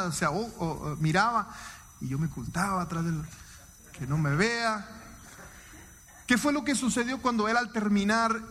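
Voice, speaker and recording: Guy with a high voice preaching his testimony, emotional and emphatic, long church reverb. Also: fairly bright tone, slight background noise. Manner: emotional, emphatic, big swings in pitch. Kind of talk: sermon testimony to a congregation. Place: church hall.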